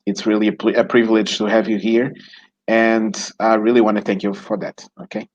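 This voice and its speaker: A man from Mozambique whose first language is Portuguese hosts an online talk show, speaking fairly quickly in a lowish, steady voice. He sounds hesitant, with many fillers and restarts, and the recording is muffled.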